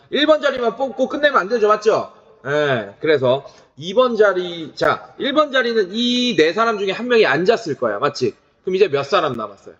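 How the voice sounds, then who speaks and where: Animated man teaching a math lesson. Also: high voice. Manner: animated, keeps checking in with students. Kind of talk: classroom lecture. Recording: dull lo-fi recording.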